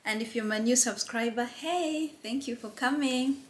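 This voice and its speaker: A woman's voice: a little high, moderate pace, slight background noise. A middle-aged woman from Uganda, chatting casually and earnestly to camera as a friendly vlogger. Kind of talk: casual vlog chat to camera.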